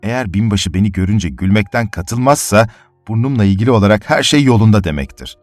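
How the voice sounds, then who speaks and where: A man voicing a vain, pompous middle-aged army major who exclaims loudly and boastfully. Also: on the low side, animated, brisk, no room sound, faint music behind, close to an everyday voice. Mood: smug.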